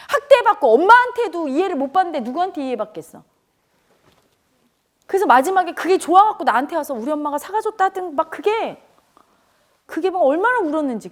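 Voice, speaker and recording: A middle-aged woman earnestly telling a painful childhood memory to an audience, her voice turning tearful at times. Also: high voice. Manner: tearful and earnest, rising to cries when reliving events. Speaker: speaker at a spiritual community talk. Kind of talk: emotional personal storytelling.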